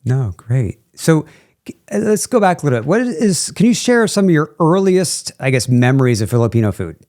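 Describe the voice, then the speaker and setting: A man's voice: on the high side, big pitch swings, brisk, a little mellow. A man hosting a podcast, asking questions in a friendly, rambling way full of fillers. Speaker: podcast host. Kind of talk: casual podcast interview.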